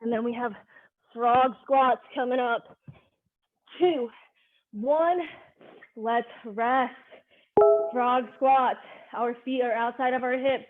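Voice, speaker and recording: A woman's voice: on the high side, steady tone, takes it slowly, pauses often. A woman leading a live online workout class, giving directive, short cues and counts as a fitness instructor. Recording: narrow phone-like sound.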